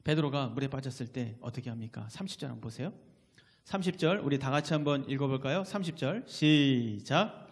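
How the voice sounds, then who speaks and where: A man's voice: medium pitch, lively intonation, brisk. A man preaching a sermon as pastor in a church, emphatic and often putting questions to the congregation. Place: church sanctuary. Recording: long reverb in a church hall.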